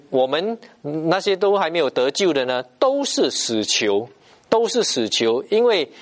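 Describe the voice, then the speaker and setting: A man preaching a sermon, emphatic and repetitive, pausing often to stress his points. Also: a little high.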